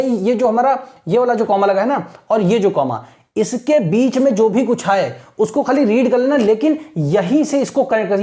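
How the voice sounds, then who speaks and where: A man teaching English online to exam aspirants, explaining earnestly, often checking "right?" and reading English sentences slowly for students to repeat. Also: sits high, dark tone. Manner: keeps asking "right?", repeats English phrases slowly for imitation.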